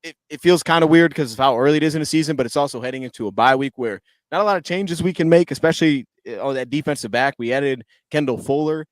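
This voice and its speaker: A man's voice: on the high side, fast, few pauses, no room sound. A man hosting a casual sports talk roundtable, chatting in a rambling, easygoing way. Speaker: host.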